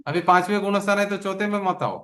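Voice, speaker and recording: A man's voice: high-pitched, quick pace, a bit bright. A man leading a study session as a religious teacher, explaining a text with emphatic, repeated phrases.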